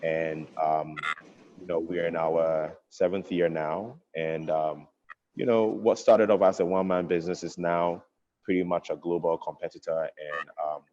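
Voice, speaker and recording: A man with a very deep voice introduces himself on a video panel, pausing often on um and uh. The audio is dull and lo-fi. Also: fairly even intonation, darkish tone. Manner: hesitant, many fillers. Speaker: clothing brand founder. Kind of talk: online panel talk. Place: in Ghana.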